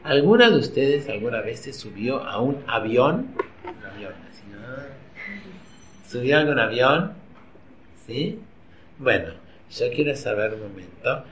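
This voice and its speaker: A man's mid-range, fairly bright voice moves in a sing-song, unhurried way as he gives an informal religious lecture to a class of women in an Argentine accent. He is chatty and keeps quizzing them with questions. There is a faint hum in the roomy, slightly dull recording.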